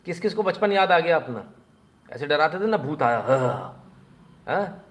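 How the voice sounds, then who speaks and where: A man giving sarcastic news commentary in an animated voice, and he often speaks directly to the people he criticises. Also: fairly high pitch, unhurried. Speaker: political commentator.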